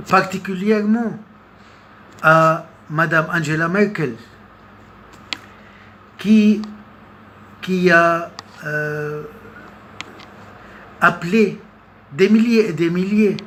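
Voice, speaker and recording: A high-pitched, slightly bright male voice offers unscripted political commentary. The monologue is very slow and halting, with long pauses and repeated words, and there is noticeable background noise.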